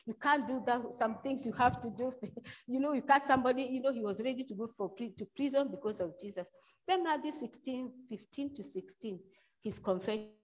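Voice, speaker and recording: In a rough recording, a woman delivers a sermon in a loose, conversational style, her voice a little high and her pace a little quick. She keeps restarting sentences and saying "you know," and she drives certain points home by getting louder.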